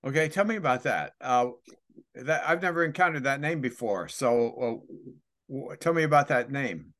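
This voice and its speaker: A man's voice: medium pitch, lively intonation, moderate pace, fairly bright tone. A man conducting an oral history interview, asking questions in a friendly, casual way.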